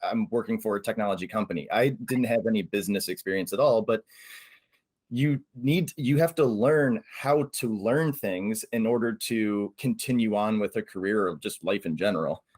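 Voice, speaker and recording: A man hosting a podcast in easy conversation, his voice pitched low. The sound is dry and close, with no room around it, and he talks in a friendly, loose way. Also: moderate pace, darkish tone, slightly rough, dry recording. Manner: friendly, conversational, some fillers. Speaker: podcast host.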